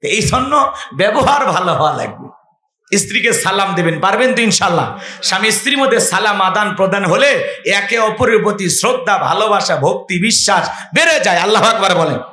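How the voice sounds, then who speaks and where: Preacher guy hyping up the crowd, sharp high voice, echoey open air sound. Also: animated, brisk. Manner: rousing, calls on the crowd to respond, mimics voices. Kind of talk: comic sermon to a crowd.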